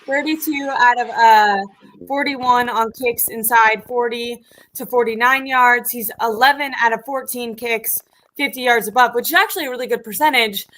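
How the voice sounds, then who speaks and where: A woman's voice: on the high side, steady tone, moderate pace, fairly bright tone, a little hiss or hum. A woman hosting a casual live-streamed sports talk show, reading stats with lots of fillers. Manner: chatty, many fillers, reads stats aloud. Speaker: sports podcast host.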